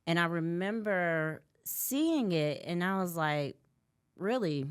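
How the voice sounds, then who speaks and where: A woman from Birmingham, Alabama, a podcast guest telling stories in a casual, animated way. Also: on the low side, slow, clear, resonant tone. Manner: laughs easily, animated storytelling. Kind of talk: casual conversation.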